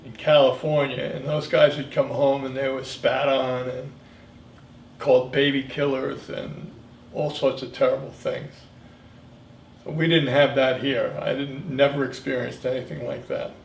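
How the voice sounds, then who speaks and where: Older male veteran, 70s, gravelly voice, halting and reflective as he remembers his service, recorded off-mic in an echoey room. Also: mid-range voice, little pitch movement. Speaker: Vietnam veteran being interviewed. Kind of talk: reminiscing in an interview. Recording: echoey room, distant mic, faint noise.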